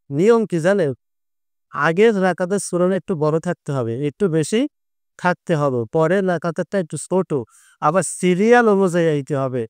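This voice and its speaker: A man's voice: sits high, clear, resonant tone, no echo, clean studio sound. A male preacher, teaching prayer step by step and asking and answering his own questions. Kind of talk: instructional sermon on prayer.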